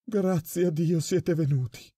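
A man voicing a terrified adult male prisoner who begs and stammers in a high, desperate voice. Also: unhurried, warm tone, slightly rough, no room sound, studio quality. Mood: terrified pleading.

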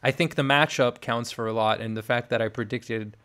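A man's voice: mid-range voice, fairly even intonation, a little fast. A young man hosting a podcast, chatting casually and hesitantly as he comments on a game. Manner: soft-spoken, hesitant, trailing off. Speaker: podcast host.

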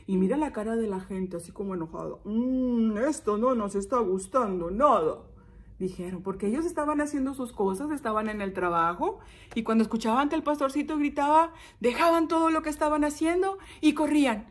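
A woman's voice: high voice, fast. A woman reading a story aloud to children, talking to them directly and asking questions. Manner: animated, addresses kids directly, asks questions. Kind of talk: expressive read-aloud for children.

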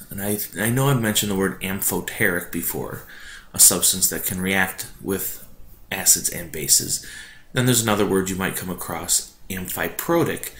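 A man's voice: low-pitched, a little hiss or hum. A male teacher giving a recorded online chemistry lesson, his voice echoing like a cave because he lacks a proper microphone. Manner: relaxed, conversational explaining. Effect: cave-like echo. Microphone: built-in computer mic. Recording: echoey room without a proper mic.

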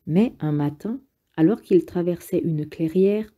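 A woman with a husky voice reading a novel aloud in calm, measured audiobook narration. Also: lowish voice. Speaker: audiobook reader.

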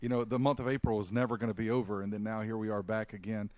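A man's voice: on the low side, little pitch movement, fast, a little mellow, no room sound. A man co-hosting a podcast in casual chat, upbeat and encouraging. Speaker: podcast co-host.

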